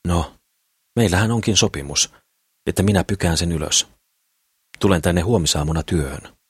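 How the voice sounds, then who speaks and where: A man's voice: low-pitched, husky, no echo, studio quality. A man reading the lines of a naive, idealistic poor man in an audiobook, in an eager, rambling way.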